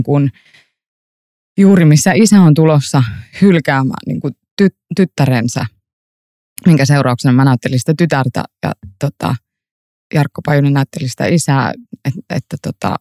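A woman actor as a podcast guest, telling lively anecdotes with frequent laughter and many fillers, recorded in a library room. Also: low voice, no room sound, clean studio sound. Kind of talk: casual interview storytelling.

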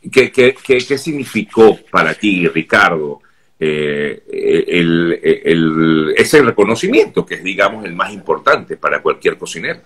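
A man's voice: low voice, expressive, a little slow, fairly bright tone. A Venezuelan journalist in his fifties with a Venezuelan accent, hosting an interview over a video call, hesitating with fillers and repeated words before his questions. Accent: Venezuelan Spanish. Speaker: journalist host.

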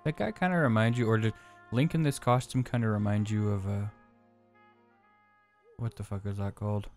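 A man's voice: fairly low pitch, steady tone, moderate pace, a little mellow, soft background music. A young man co-hosting a let's play, chatting casually and rambling, swearing freely and joking as he plays. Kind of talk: casual gameplay chat.

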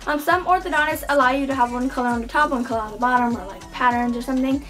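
A woman's voice: sits high, rapid-fire, a bit bright, soft background music. A young woman chatting casually to camera as a vlogger in her bedroom. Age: teens to young adult. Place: small bedroom indoors.

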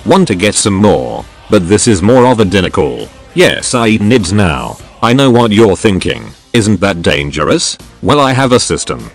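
A man's voice: on the low side, big pitch swings, moderate pace, hardly any pauses. A man reading informal first-person stories aloud as a scripted dramatic narration. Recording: music behind the voice. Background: music.

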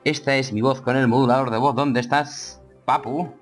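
A man talking through a voice changer, an excitable gaming YouTuber commenting on his match. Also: mid-range voice, moderate pace, soft background music. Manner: excitable, hypes each play. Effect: voice changer modulating the voice. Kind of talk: live gameplay commentary.

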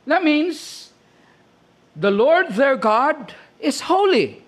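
A man with a Filipino accent preaching a sermon, pausing often to ask "okay?" as he explains. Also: extremely high pitch, very animated. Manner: slow, deliberate preaching with frequent "okay?" check-ins.

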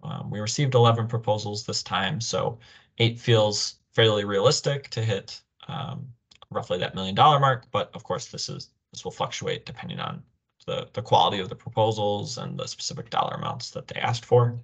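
A young man presents an online orientation, explaining a program over a video call from an indoor room. His lowish voice is gravelly and sing-song, at a normal speed, picked up by a video call microphone.

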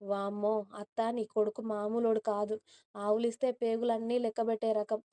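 A woman plays a bubbly young woman who talks fast and pleads with a coaxing lilt. Her voice is fairly high, warm and smooth. It is recorded close and dry for a storybook reading. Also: level tone, lightly acted. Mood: chatty. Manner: chatty, pleading, stammering when caught. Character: playful, nervous young woman.

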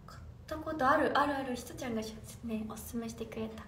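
A woman's voice: a little high, quick pace, a bit bright, recorded from a distance. A young woman idol chatting casually on a livestream, reading fan comments aloud and answering them with giggles. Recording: roomy echo, off-mic, faint room noise.

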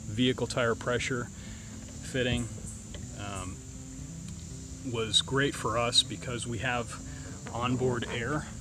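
A man showing off camping gear on his truck, talking casually with many ums and uhs, outdoors in the woods. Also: medium pitch. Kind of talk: casual product walkthrough. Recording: outdoor recording with insect noise.

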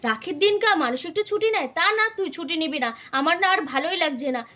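A woman's voice: very high voice, lively intonation, pushed and bright, heavily acted. A woman voicing an impatient, scolding elder sister in a doll puppet show. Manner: scolding, complaining, rapid.

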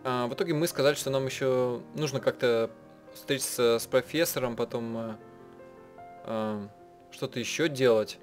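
A medium-pitched man with a steady tone translates a visual novel out loud, chatting casually and often halting to rephrase mid-sentence. Game soundtrack music plays behind him.

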